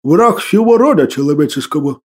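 A man's voice: fairly high pitch, lively intonation, a little fast, slightly rough. A man voicing an old pious hermit who speaks in fervent, old-fashioned church language, bewildered by a strange new world.

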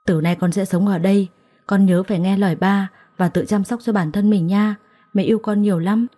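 A woman voicing a gentle, sorrowful mother soothing her daughter in a storybook. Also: medium pitch, fairly even intonation, a little fast, natural voice. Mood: tender. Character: tender, sorrowful mother, young adult woman.

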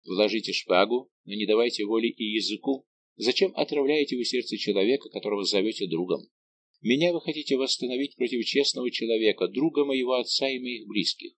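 A man voicing a young viscount who speaks coldly and calmly, with stern restraint. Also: mid-range voice, lightly acted. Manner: cold, measured.

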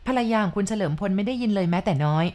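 A woman narrating a ghost story in a calm, polite and measured way. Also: mid-range voice.

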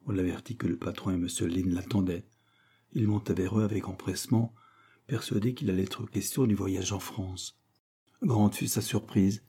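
A man narrating a novel as an audiobook in a steady, measured reading. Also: low voice, husky.

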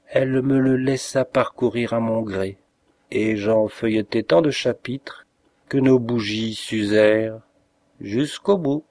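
A male narrator reading a classic short story aloud, measured and expressive. His voice sits at a medium pitch for a man. He shapes each phrase with care, as an audiobook reader does. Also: no echo.

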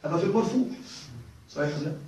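High-voiced male teacher in echoey room. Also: lively intonation, rapid-fire, mellow, slight background noise. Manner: drills rules by repetition, often checks students follow. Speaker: Arabic grammar teacher. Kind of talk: classroom grammar lesson. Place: classroom with students. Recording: echoey room, mic far off.

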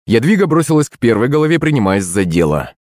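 A man's voice: mid-range voice, sing-song, quick pace, darkish tone, dry recording, clean studio sound. A man reading a first-person fantasy audiobook as its narrator.

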